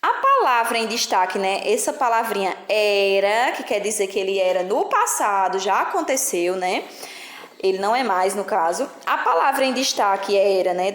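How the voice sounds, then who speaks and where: A woman's voice: mid-range voice, echoey room. A woman with a Brazilian Portuguese accent, teaching a children's lesson patiently and checking in with the listener often. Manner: patient, explaining slowly with frequent "né?" and "certo?" checks. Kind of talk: recorded classroom lesson.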